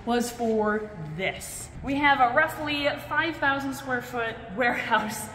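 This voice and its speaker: In a casual vlog, a young adult woman shows viewers around a large, empty indoor warehouse and its bare rooms, animated and projecting to the camera. Her high voice moves at a slow pace, and the camera mic, set a short distance off, records echoey, noisy sound.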